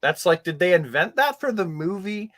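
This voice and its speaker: Animated, joking man co-hosting. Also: high-pitched, normal speed. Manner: jokey and animated, laughs often. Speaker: podcast co-host. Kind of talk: casual chat reacting to a trailer.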